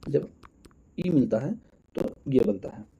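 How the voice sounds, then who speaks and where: A man's voice: mid-range voice, animated, takes it slowly, warm tone, slight background noise. A man teaching an exam-prep lesson, counting out answers aloud and calling his viewers friends.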